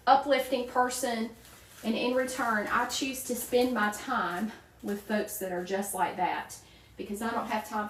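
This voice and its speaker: Chatting with livestream viewers and greeting each by name, a Southern-accented woman in her forties from a small Virginia town works on her wreaths. Her fairly high, slightly bright voice is heard from a distance in a roomy space, with a little hiss or hum.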